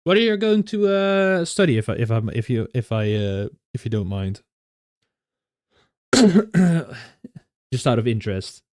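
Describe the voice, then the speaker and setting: A man's voice: mid-range voice, measured pace, pauses often, clean tone, no room sound. A young Dutch man with a Dutch accent, chatting casually with viewers, often laughing and restarting his sentences. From Netherlands. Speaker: streamer.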